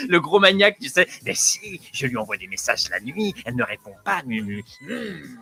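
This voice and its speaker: A man's voice: fairly high pitch, very animated, moderate pace, gravelly, sharp tone. A man hosting a playful live blind test show as DJ, joking and teasing his co-host, often laughing and slipping into sing-song. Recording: music playing behind.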